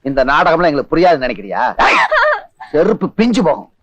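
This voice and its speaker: An actor playing a stern village elder who insists the marriage will happen, in a 1980s film. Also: male voice, fairly high pitch, sing-song, quick pace, dry recording. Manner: commanding, stern. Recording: dull film soundtrack with music.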